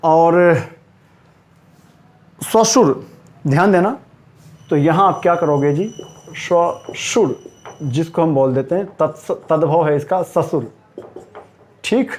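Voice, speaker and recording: A man teaching Hindi spelling to exam students at a whiteboard. He asks his own questions, answers them, and repeats each word slowly so it sticks. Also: on the high side, darkish tone. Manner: calls listeners "sir" and "buddy" in a friendly way.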